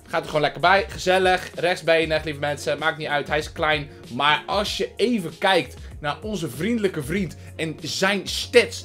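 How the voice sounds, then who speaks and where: A man chatting loudly and playfully as a gaming vlogger, joking around and slipping into silly voices. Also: sits high. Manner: loud, playful, jokey, shifts into silly voices. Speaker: gaming YouTuber. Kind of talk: excited gaming vlog chat.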